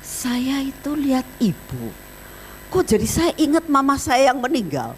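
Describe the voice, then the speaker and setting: A woman's voice: high-pitched, very animated, unhurried, a little hiss or hum, voice pushed up. A woman acting out a shaken male protester who pleads in a choked-up voice. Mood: moved. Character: shaken middle-aged male protester, softened.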